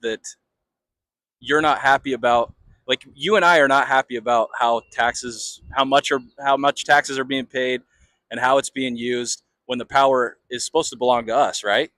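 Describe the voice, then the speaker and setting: Casual American man, halting, dry sound. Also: mid-range voice, steady tone, fairly bright tone, no room sound, low-quality recording. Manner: rambling, halting, repeats phrases. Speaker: street interviewer. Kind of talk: casual, unscripted street talk.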